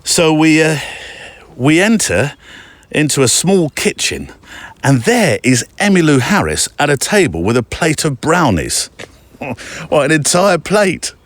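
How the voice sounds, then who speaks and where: A man hosting a podcast, reading a listener's letter aloud in a chatty, digressive way with quick asides. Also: fairly high pitch, very animated, no room sound. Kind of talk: casual storytelling read-aloud.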